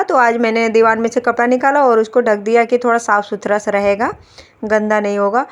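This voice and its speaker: Narrating a casual home vlog, a homemaker in her thirties talks to her viewers like friends in a chatty, homey way. Her voice is a little high, and the audio sounds dull.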